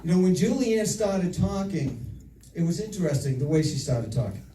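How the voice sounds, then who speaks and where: A middle-aged man with a slightly high voice and lively intonation gives a father of the bride speech in a reception room, telling stories with deliberate pauses and repeated phrases. The distant mic catches room echo, audience laughter, and crowd noise.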